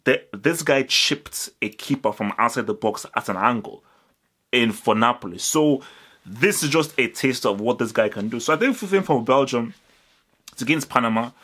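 A young man hosting a football channel, giving animated direct-to-camera match analysis indoors, stressing points and repeating words. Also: mid-range voice, moderate pace. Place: indoors, small room with curtains.

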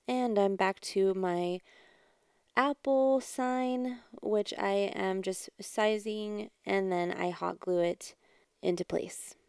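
A woman's voice: mid-range voice, fairly even intonation, takes it slowly, vocal fry, smooth, dry recording, clean studio sound. A woman hosting a craft channel, chatting through a DIY tutorial in a voice-over recorded at home. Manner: chatty, explaining step by step; quiet, subdued delivery. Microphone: home voice-over mic.

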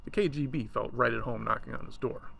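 A man reading a short story aloud in a relaxed way, stopping now and then for casual asides. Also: mid-range voice, brisk, creaky, slight background noise. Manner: relaxed, chatty asides between passages.

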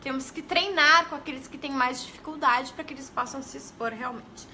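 A young Brazilian woman educator chats through a live stream in a high, bright voice. She talks casually, greets her viewers and keeps tagging her sentences with questions. Her tone is sharp and forward. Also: fairly quick, slight background noise. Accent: Brazilian Portuguese. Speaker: early-literacy educator.

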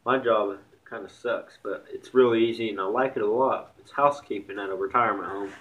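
A man's voice: lowish voice, fairly even intonation, brisk, a bit bright, dull audio. A young man with a slight Southern country accent, rambling bluntly and swearing in a casual vlog rant. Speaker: vlogger.

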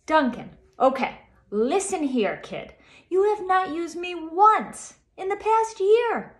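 Woman, sassy storybook character, emphatic, very lively pitch, echoey room. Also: slow. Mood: indignant. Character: sassy, indignant female pink crayon. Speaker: school staff member reading aloud. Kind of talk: dramatic children's storybook reading. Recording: roomy home video echo.

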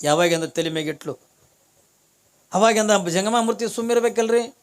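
High-voiced North Karnataka preacher. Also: male voice, normal speed. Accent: North Karnataka Kannada. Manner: animated storytelling, frequent "enri" asides to the audience. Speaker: religious preacher. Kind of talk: devotional sermon with storytelling.

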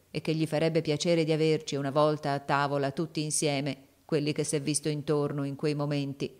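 A woman's voice: sits low, darkish tone, close to an everyday voice. A woman reading the part of an old male army veteran, speaking in a fervent, heartfelt way as he remembers.

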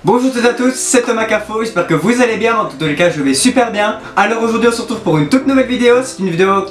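Racing along in a high-pitched, lively voice, this early-twenties man hosts a prank video for YouTube. He talks casually to camera, teasing and mock-exasperated, from a small bedroom indoors. Music plays under a roomy echo.

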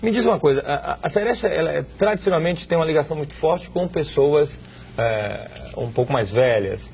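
A man in his thirties interviewing a guest in a TV studio, asking quick, lively questions on a lapel mic. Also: on the high side, vocal fry, breathy edge. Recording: tinny lo-fi broadcast audio.

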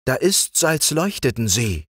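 A man voicing a modest, devoted green frog in a storybook reading, speaking gently. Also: mid-range voice, very animated, a little slow, dry recording, studio quality, pitched above the performer's own voice. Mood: gentle.

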